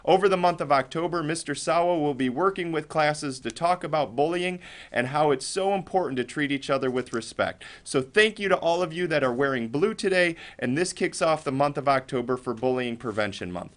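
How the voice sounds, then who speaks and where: An American man with a fairly high voice delivers upbeat morning announcements at a school. He addresses the children directly and encourages them as he goes. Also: expressive, a little fast. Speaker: elementary school staff announcer and club leader.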